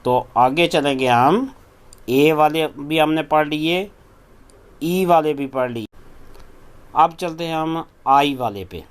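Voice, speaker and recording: A man's voice: on the high side, takes it slowly, long pauses, smooth. A male teacher leading a phonics drill, spelling out each word letter by letter and then saying it.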